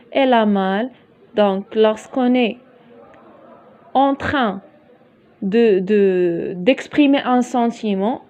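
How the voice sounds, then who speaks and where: High-voiced Moroccan woman teaching grammar. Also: darkish tone. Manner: explains slowly, repeating key phrases; switches between French and Moroccan Arabic. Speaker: French teacher. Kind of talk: classroom grammar lesson. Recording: dull lo-fi audio.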